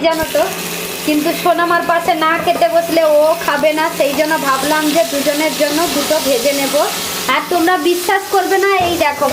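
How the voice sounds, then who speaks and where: A woman vlogging casually at home in the kitchen, chatting to viewers and often asking "you know?". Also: high voice. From Bengal. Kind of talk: casual home vlog chat. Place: small home kitchen indoors. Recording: echoey room, faint noise.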